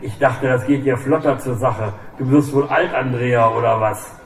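A man's voice: mid-range voice, fairly even intonation, normal speed, creaky, close to an everyday voice. A man voicing a chummy accomplice who teases his friend. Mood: teasing. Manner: teasing, joking. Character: chummy male accomplice, teasing. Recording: echoey room, distant mic, faint hiss.

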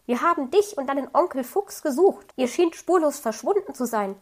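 A woman's voice: high-pitched, lively intonation, moderate pace, pitched above the performer's own voice. A woman playing a chatty laughing hare. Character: cheerful young male hare, chatty.

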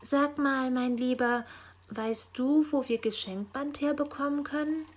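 A woman voicing a lively, caring female helper in an emphatic, high-pitched manner in a storybook reading. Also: unhurried. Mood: curious.

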